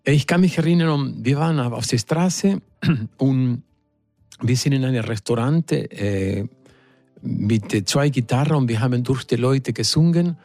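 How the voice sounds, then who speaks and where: Halting middle-aged man with Argentine accent. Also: mid-range voice, a little mellow, no echo, soft background music. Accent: Argentine Spanish. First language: Spanish. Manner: hesitant, halting, searching for words in a second language. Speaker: singer, studio guest. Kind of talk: radio interview.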